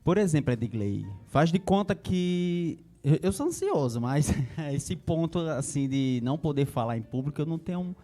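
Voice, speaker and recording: Mellow-voiced Brazilian interview host. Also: male voice, a little high, expressive, normal speed, faint music behind. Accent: Brazilian Portuguese. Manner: frequent short agreeing interjections, asks questions with examples. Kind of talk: conversational interview.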